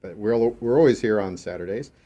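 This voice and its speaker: This Texan man co-hosts a radio call-in type show, chatting in a relaxed and unhurried way. His fairly low voice comes across dark and mellow, he laughs readily, and he explains things at length. The audio has its high frequencies cut off.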